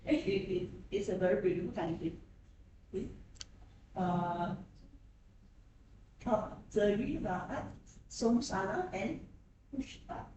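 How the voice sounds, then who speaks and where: A woman lecturer questioning students in class, repeating their names back slowly. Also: medium pitch, expressive. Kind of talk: classroom introductions. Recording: echoey classroom, far from the mic, with noise.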